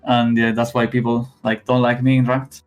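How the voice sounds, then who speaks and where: Young Spanish-accented man, halting. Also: mid-range voice, monotone, soft background music. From Spain. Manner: halting, many restarts and fillers. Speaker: esports player guest. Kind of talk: casual interview.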